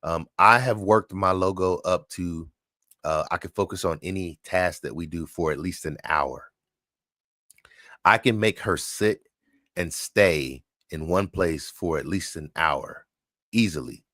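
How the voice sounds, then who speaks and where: A man hosting a casual livestream, chatting and answering viewers' dog training questions, relaxed and repeating his points. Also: low voice, a little slow, no echo, clean studio sound.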